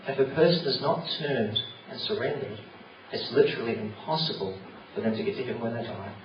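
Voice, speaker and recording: A man's voice: medium pitch, fairly quick. A man giving an earnest, conversational evangelistic talk in a church, with many "you know" fillers. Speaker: church speaker. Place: church hall. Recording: roomy, distant, dull with noise.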